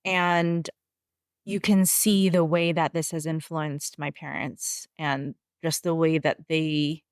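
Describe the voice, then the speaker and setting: A woman of Taiwanese family background hosts a podcast interview, talking casually in a thoughtful, conversational way with many fillers. Her low, smooth voice is level in tone and slow, captured as clean studio sound with no room sound.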